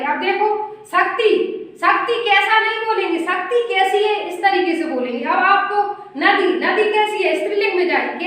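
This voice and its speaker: A woman's voice: very high-pitched, fairly bright tone. A woman teaching Sanskrit grammar, reciting word forms in a rhythmic drill and often checking in with "ठीक है". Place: room, writing on a board. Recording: very echoey room, voice from a distance.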